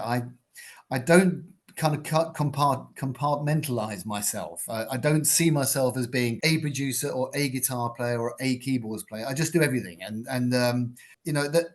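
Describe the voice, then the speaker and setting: In a fairly low voice peppered with fillers, an older guitarist and producer from Britain answers interview questions in a thoughtful, rambling way.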